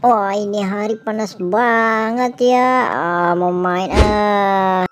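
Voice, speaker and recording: A woman voicing a fearful, whiny cartoon boy who pleads with his friend in a high childlike voice. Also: steady tone, takes it slowly, natural voice. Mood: cheerful. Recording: loud music under voice.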